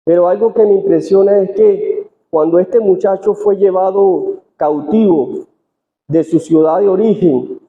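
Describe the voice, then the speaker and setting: Venezuelan preacher on a tinny hall recording. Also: male voice, high-pitched. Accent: Venezuelan Spanish. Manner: reads slowly and deliberately, with restarts. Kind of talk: sermon with scripture reading. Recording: tinny phone-line sound in a reverberant hall.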